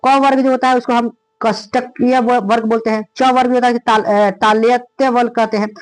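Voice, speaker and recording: A man with a Bihari Hindi accent runs through an exam revision lecture in a very high, rapid voice. He fills his speech with stock phrases and poses questions that he answers at once. The room sounds small and dead, with no echo at all. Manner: rhetorical questions answered himself, heavy filler phrases. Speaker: teacher.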